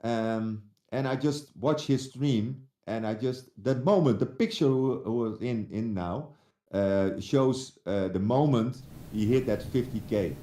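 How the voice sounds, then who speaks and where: A man's voice: mid-range voice, a little slow, warm tone, roomy sound. A man from the Netherlands with a Dutch accent, a guest telling his story in casual chat, hesitant and full of restarts. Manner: hesitant, many restarts and fillers.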